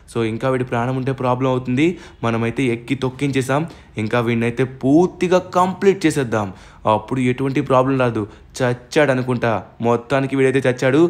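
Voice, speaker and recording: A man narrating his own game story with excitement, loudly exclaiming and hurling dramatic threats at his foes. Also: mid-range voice. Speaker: gaming channel narrator and player.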